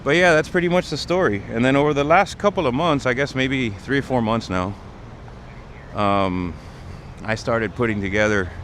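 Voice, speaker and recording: On a city street, a livestream host talks casually and explains things in a conversational way. His voice is medium-pitched and a bit bright, at a normal speed, with street noise and passing traffic around him.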